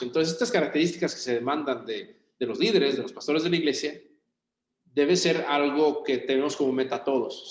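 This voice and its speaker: A man, a pastor leading a Bible study in a church room, talking conversationally and putting questions to his group. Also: fairly high pitch. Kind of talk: interactive Bible study teaching. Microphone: room recording for a video call. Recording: roomy echo.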